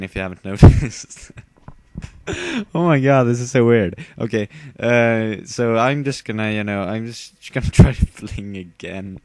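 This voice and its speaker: A man's voice: fairly low pitch, darkish tone, no room sound. A tired young man casually commenting on his own game battle, rambling with fillers and giggling at himself. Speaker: gamer narrating his battle.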